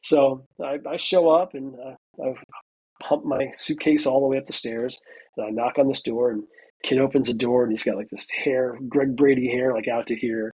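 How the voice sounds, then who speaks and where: A man's voice: medium pitch, fairly even intonation, moderate pace, a little mellow, husky, rough recording. A man in his forties, a military veteran now in college, telling a story in a casual interview, with many fillers and acted-out quotes. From United States. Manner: chatty, lots of "you know" fillers, acts out quoted dialogue. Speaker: interview guest, veteran student.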